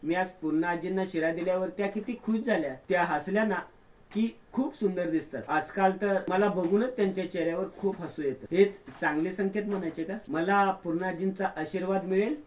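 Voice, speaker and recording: A man voicing a shy young wife musing to herself in a retold soap story, soft and tender. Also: high-pitched, fairly quick, lightly acted.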